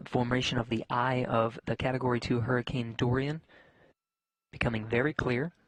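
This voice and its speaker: A man giving live space mission commentary in a measured, factual announcing manner. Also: mid-range voice, level tone, no echo.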